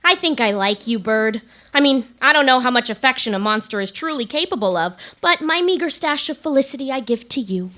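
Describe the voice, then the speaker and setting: A woman's voice: sits high, expressive, brisk, hardly any pauses, pushed and bright. A woman voicing a timid, newly turned female monster with a wondering, politely hesitant manner, who also narrates the audio drama. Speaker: narrator and lead character.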